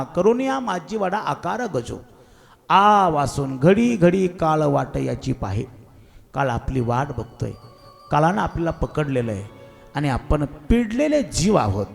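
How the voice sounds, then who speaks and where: A man's voice: mid-range voice, creaky. A man giving a devotional sermon as a preacher, earnestly exhorting his listeners while telling a sacred story. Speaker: kirtan preacher.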